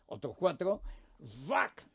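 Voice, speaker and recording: A man's voice: fairly high pitch, very animated, slow, husky, dry recording, studio quality. A man hosting a radio panel discussion, reading quotes aloud in a sardonic, mocking way. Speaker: radio talk show host. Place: radio studio. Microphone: studio microphone.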